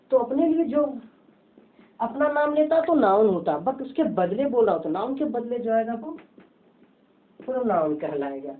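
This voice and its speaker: Woman teacher quizzing herself, tinny audio. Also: on the high side. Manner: asks questions and answers them herself; repetitive, drilling tone. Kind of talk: home-tuition grammar lesson.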